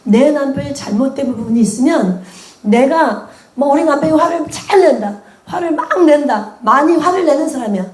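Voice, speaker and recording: Laughing Korean church teacher, echoey room. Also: female voice, high-pitched, moderate pace. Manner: animated storytelling, laughs often, acts out prayers. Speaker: prophecy school teacher. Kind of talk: sermon-style teaching with personal testimony.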